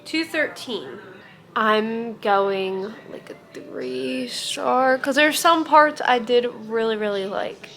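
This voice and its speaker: A young woman chatting casually and candidly in a book vlog, sometimes hushing her voice. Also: on the high side, takes it slowly, vocal fry. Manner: chatty, candid, often drops to a hushed voice at night. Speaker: book vlogger.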